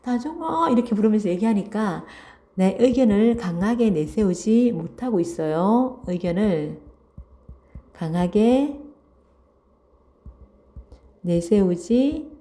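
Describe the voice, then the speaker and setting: Woman teacher, very bright piercing voice, reads a story aloud, repeats key words, checks understanding. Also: medium pitch, lively intonation. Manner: reads passages aloud, then restates key words slowly and asks "그치?". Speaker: Korean language teacher. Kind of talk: online literature lesson, reading and explaining a story.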